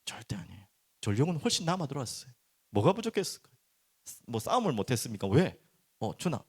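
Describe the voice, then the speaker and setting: A man's voice: mid-range voice, very animated, quick pace, a little mellow, slightly rough. A middle-aged male pastor preaching a sermon at a midweek prayer service, firing rhetorical questions and acting out people's inner thoughts.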